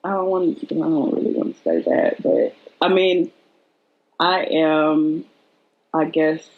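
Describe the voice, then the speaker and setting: A woman's voice: low-pitched, slow pace. A woman chatting casually as a podcast guest, informal and hesitant as she thinks aloud. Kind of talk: casual chat. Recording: muffled lo-fi audio.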